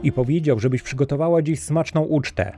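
A man's voice: fairly high pitch, fairly quick, dark tone, soft background music, pitched above the performer's own voice, lightly acted. A man doing an eager poor youth. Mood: excited. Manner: eager, exclaiming. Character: poor, easygoing young man, a tailor's son.

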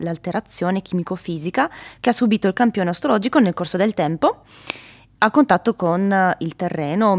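A woman's voice: on the low side, a little mellow. Young woman explaining her research carefully. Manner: careful, technical, with hesitation fillers. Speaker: guest, doctoral researcher. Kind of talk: explanatory interview answers.

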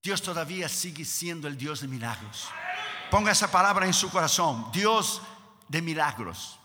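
A man's voice: a little high, lively intonation, normal speed, big-room sound, background noise. A male preacher delivering a sermon with emphatic, repetitive exhortations.

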